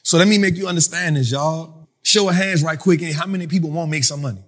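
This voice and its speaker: A man hosting a finance talk for a live audience, in a casual, animated storytelling style that acts out other people. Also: fairly high pitch, fast, in a large hall. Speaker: finance speaker and host. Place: event venue with an audience.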